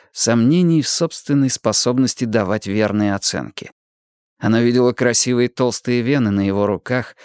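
A man reading a thriller audiobook in a steady, even storytelling manner. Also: mid-range voice, smooth, no echo, studio quality. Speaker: audiobook narrator. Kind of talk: scripted narration.

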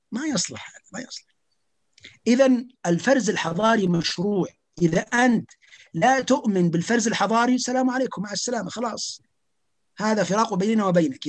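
A man, speaking as an academic guest on a podcast, arguing emphatically with rhetorical questions and stumbling restarts. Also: high voice. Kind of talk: podcast conversation.

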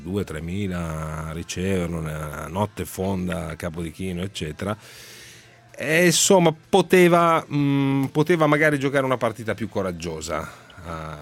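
Low-voiced man hosting sports radio. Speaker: radio sports show host. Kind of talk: conversational sports radio presenting. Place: radio studio.

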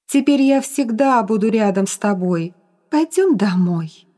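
A woman voicing a young woman who poses as a vengeful ghost, speaking in a high, drawn-out voice that turns from coaxing to menacing. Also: expressive, mellow.

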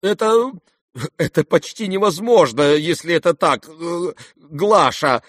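A man's voice: medium pitch, big pitch swings, unhurried, a bit bright, dry recording, clean studio sound, heavily acted. A man voicing a flustered middle-aged general and father in an audiobook who stammers and pleads.

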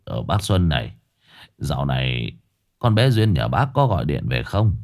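A worried older village man, as a man puts him on in a ghost story, his voice dropped low and hushed. He hesitates and stammers over his words. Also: very animated, normal speed, gravelly, exaggerated voice.

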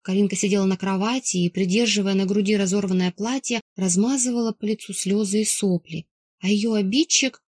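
A woman reading a novel aloud in the first person, wry and lively. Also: medium pitch, brisk, dry recording. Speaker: audiobook narrator.

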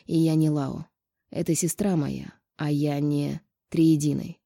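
A woman voicing a gentle, guilty man who speaks in a hushed, hoarse near-whisper. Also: low-pitched, fairly even intonation, measured pace, no echo, studio quality, heavily acted. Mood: soothing.

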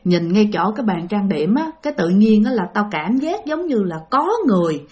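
A woman's voice: medium pitch, sing-song, brisk, a little mellow, lightly acted. A woman voicing an uneasy middle-aged mother who senses spirits in the room. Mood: uneasy hushed.

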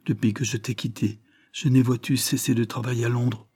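A man reading aloud voices a young fugitive brother who speaks in a sombre, quiet tone. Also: mid-range voice, flat delivery, moderate pace, slightly rough, no room sound, studio quality, natural voice.

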